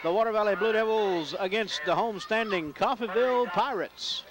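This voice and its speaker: A man calling high school football play-by-play, building up loudly on big plays. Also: moderate pace. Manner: excitable in big plays, rising loud. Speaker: play-by-play announcer.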